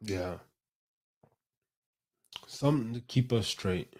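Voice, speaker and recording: A young man hosting a casual late-night podcast, rambling and excitable, swearing freely and calling his guest bro. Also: lowish voice, takes it slowly, a little hiss or hum. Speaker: podcast host.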